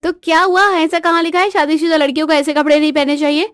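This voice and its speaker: A sassy young bride who talks back at every turn, as a woman puts her on. She is shrill, high and cheeky, and her lines land close and dry like a bedtime storybook reading. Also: expressive, brisk, dry recording. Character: sassy bratty young newlywed wife.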